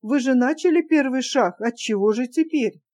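A woman's voice: high-pitched, normal speed, a little mellow. A woman reading a novel's young male narrator, pleading and persuasive in his dialogue. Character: young man, timid eager dreamer.

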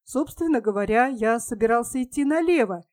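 A woman reading a story aloud in a steady, even storytelling manner. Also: on the high side, fairly quick, no room sound, clean studio sound. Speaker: audiobook reader. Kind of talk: scripted narration.

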